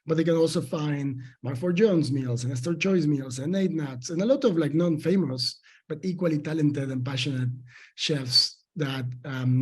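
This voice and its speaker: A man's voice: fairly high pitch, a little mellow, husky. A man from Argentina with an Argentine Spanish accent, a company founder answering interview questions thoughtfully, with many fillers and restarts.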